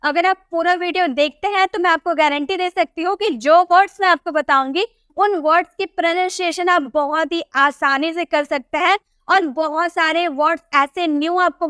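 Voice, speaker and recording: A woman with a Hindi accent and a very high, light voice teaches a pronunciation class. She repeats herself and answers her own questions, and the recording is dry and close with no room sound. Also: fairly bright tone, no room sound. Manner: repetitive, asks questions and answers them herself. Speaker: English teacher. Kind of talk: pronunciation lesson explaining rules.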